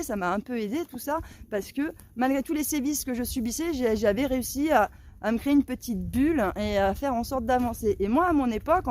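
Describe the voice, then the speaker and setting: A woman's voice: a little high, a little mellow. Indignant chatty French woman vlogger. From Lorraine, France. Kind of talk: casual monologue to viewers.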